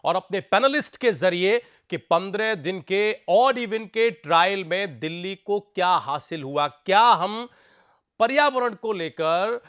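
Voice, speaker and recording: Male TV news anchor, high-ish voice, formal measured delivery. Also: expressive, a bit bright, smooth. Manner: formal, measured, brief affirmations. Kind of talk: studio news discussion hosting. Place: TV studio.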